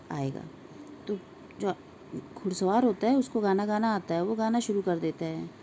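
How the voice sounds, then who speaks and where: A woman's voice: mid-range voice, warm tone, a little hiss or hum. A woman teacher giving a primary-school language lesson, patiently explaining and reciting word lists one word at a time, often prompting her pupils to look. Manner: explains patiently, as if to young children.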